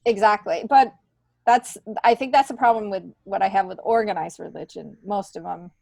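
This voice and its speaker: This middle-aged woman, a stand-up comic appearing as a podcast guest, speaks at a moderate pace in a mid-range voice that's gravelly and a little mellow. Her conversational talk is candid, loose, and full of filler, recorded with no echo.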